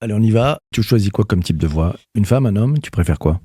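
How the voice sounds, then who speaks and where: A man's voice: fairly low pitch, brisk, breathy edge, no room sound, studio quality. A man hosting a podcast, talking casually and enthusiastically with many hesitations. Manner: enthusiastic, lively, hesitant with fillers. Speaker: podcast host.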